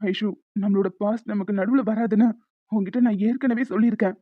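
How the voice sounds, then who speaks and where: A performer voicing a stubborn young husband set on revenge in a homemade cartoon, talking forcefully and insistently. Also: medium pitch, fairly even intonation, a little fast, natural voice. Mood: pleading. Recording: dull lo-fi sound with faint music.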